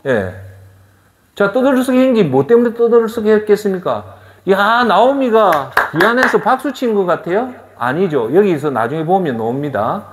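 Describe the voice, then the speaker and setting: A middle-aged man with a Gyeongsang accent preaching a sermon, firing off rhetorical questions in an animated way. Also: high-pitched, moderate pace, slight background noise. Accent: Gyeongsang Korean. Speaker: pastor.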